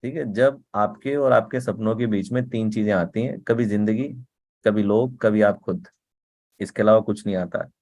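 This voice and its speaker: This man's voice sits lowish, with a steady, darkish tone and a moderate pace. He gives a conversational motivational talk, repeating words for emphasis and often checking in with the listener by asking "ठीक है?" and "right?".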